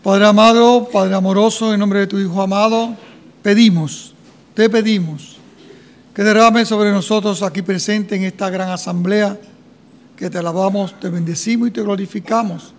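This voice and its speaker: A middle-aged or older man reading and praying solemnly as a clergyman, in measured declamatory phrases, with a church echo. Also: high-pitched, steady tone. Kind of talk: solemn liturgical reading and prayer. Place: church sanctuary at a lectern microphone, congregation present.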